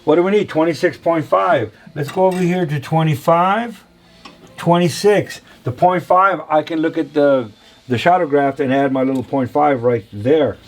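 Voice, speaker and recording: A machinist casually demonstrates engine balancing in a workshop, chatty and playful, addressing viewers as "y'all" in a hands-on shop demo. His voice is fairly high and his pace moderate.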